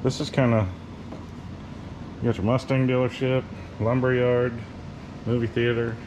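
A man's voice: mid-range voice, level tone, measured pace. A young man chatting casually and upbeatly, commenting on a model railroad building and asking questions. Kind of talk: casual chat on a hobby video. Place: garage and train room, indoors. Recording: noisy home video audio.

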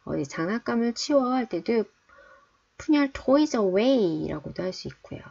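Woman book club host teaching idioms; animated pitch, unhurried delivery, slow deliberate repetition. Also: creaky, slightly rough. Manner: repeats English phrases slowly and deliberately. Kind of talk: explaining English idioms in a reading lesson. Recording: dull lo-fi recording.

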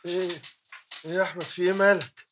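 An actor playing a concerned friend who presses with questions and urges a broken man to calm down, in Egyptian Arabic. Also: high voice, racing, background noise, lightly acted. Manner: soothing, questioning, urgent.

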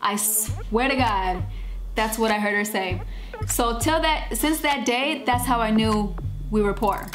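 A woman's voice: fairly high pitch, measured pace. A woman vlogging straight to camera in casual chat, emphatic and repeating phrases for punch. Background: background music.

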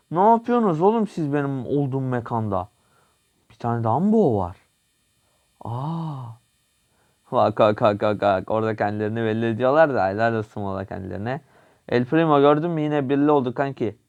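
A young man giving casual, excitable commentary while playing a mobile game, coaching his teammate and repeating short calls. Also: medium pitch, muffled recording. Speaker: gaming channel host.

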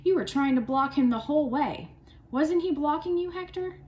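A woman's voice: high voice, expressive, normal speed, darkish tone, pitched above the performer's own voice. A woman voicing a fair-minded fourth-grade boy who speaks earnestly and insists on fairness. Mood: insistent.

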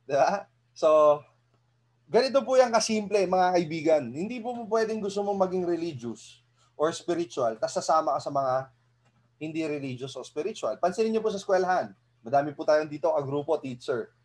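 A man's voice: on the high side, normal speed. Upbeat man teaching a seminar. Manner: lively, asks the audience rhetorical questions. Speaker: motivational speaker. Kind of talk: seminar talk to an audience.

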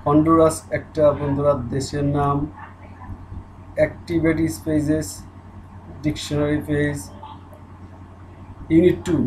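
A male teacher works through a textbook, reading each line slowly before explaining it. His voice sits a little high and his pace stays leisurely. Faint background noise hums behind him. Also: completely flat delivery, darkish tone, low-quality recording. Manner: reads English lines slowly, then explains in Bengali. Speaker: English teacher.

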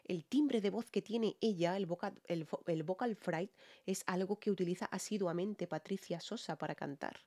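A woman with a Peninsular Spanish accent, a singer giving excited music reaction commentary to her viewers, often repeating words for emphasis. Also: on the low side, normal speed. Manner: talks to viewers with frequent tag questions.

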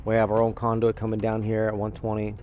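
Speaking quickly in a lowish monotone, a man gives a casual, matter-of-fact walkthrough of his crypto mining farm, unscripted and filmed on a handheld camera or phone. The setting is a large indoor warehouse with a concrete floor. The audio has its highs cut off and carries a little hiss or hum.

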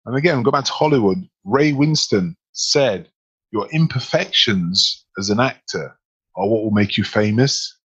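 A man co-hosting a podcast as a speaking coach, talking in an animated, emphatic way with lots of rhetorical questions. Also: lowish voice, unhurried, husky, muffled recording. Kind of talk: casual podcast chat.

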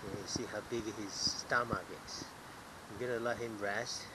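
A man filming himself fishing, talking in a halting way with many fillers and repeated words, recorded outdoors on a head-mounted camera. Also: fairly low pitch, fairly even intonation, heavy background noise. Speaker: angler filming his catch. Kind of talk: casual fishing vlog narration. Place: outdoors at a pond bank. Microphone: head-mounted action camera.

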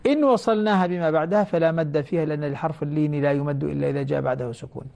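A man with a fairly high voice teaching the rules of Quran recitation on a television program. He explains each rule step by step and breaks into slow, drawn-out chanting of short example verses. He speaks to his listeners as brothers. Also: vocal fry, a little mellow. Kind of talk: televised tajweed lesson. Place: TV studio.

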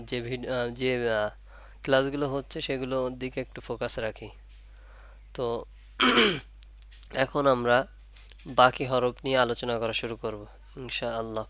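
A man's voice: mid-range voice, fairly bright tone, clear, resonant tone, no room sound. A man teaching Arabic letters for Quran reading, repeating each point and asking his pupils questions. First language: Bengali. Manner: drawn-out demonstration of letter sounds. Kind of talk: online Arabic letter lesson.

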